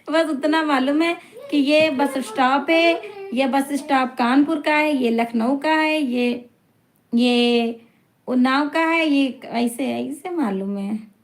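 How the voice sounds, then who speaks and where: High-voiced chatty woman live streamer. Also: takes it slowly. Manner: chatty, teasing, laughs often. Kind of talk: live-stream chat, reading viewer comments aloud.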